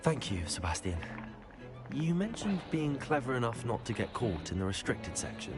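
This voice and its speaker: A man's voice: mid-range voice, sing-song, moderate pace, over music, lightly acted. An actor voicing a polite, earnest young male student wizard.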